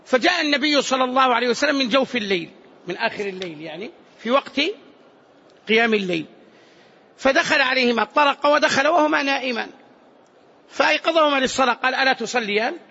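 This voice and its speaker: A man teaching a hadith lesson in a large mosque, lively and acting out pleading voices. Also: extremely high pitch, fast, pauses often, slightly rough. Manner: lively, acts out pleading voices, colloquial asides. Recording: dull lo-fi mosque recording.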